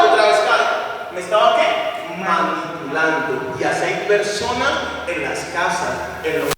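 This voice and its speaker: A pastor preaches with a very high, bright, ringing voice, pressing the congregation with call-and-response questions. He is heard from a distance in a church hall with long, heavy echo. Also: slight background noise. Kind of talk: sermon.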